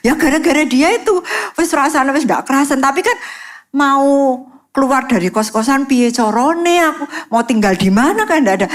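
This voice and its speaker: A woman with an East Javanese accent giving a personal testimony in church, telling her story in a lively way and sprinkling English phrases in. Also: high-pitched. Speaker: guest speaker.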